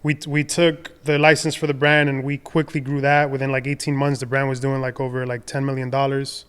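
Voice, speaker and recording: A young adult man from the Dominican Republic, a podcast guest telling his career story in a relaxed, rambling way with many fillers and restarts. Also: medium pitch, fairly quick, clear, resonant tone. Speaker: podcast guest, designer and entrepreneur. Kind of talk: casual conversational storytelling.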